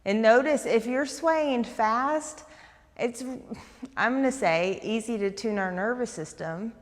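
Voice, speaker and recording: Fast-talking, eager female stretch instructor. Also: a little high, big-room sound. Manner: eager, talks fast, coaching cues. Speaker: fitness instructor. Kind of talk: guided stretching class.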